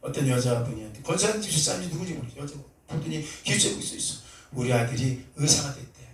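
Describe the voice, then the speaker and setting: A male pastor preaching a sermon, telling a story and acting out prayers and dialogue, sometimes rising to loud, fervent cries. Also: fairly high pitch, lively intonation, rapid-fire. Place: church sanctuary. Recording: echoey church hall, mic at a distance.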